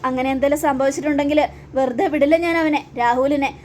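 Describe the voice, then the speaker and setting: A woman's voice: high voice, steady tone, quick pace, darkish tone, slight background noise, lightly acted. A woman voicing an anxious older father who sounds worried and unsure. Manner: worried, uncertain.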